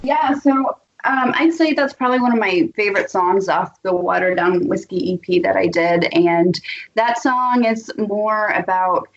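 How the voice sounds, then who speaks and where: A woman's voice: mid-range voice, moderate pace. A woman from Tennessee with an American accent, chatting casually as an interview guest. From Tennessee, United States. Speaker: guest singer-songwriter. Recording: dull, lo-fi audio.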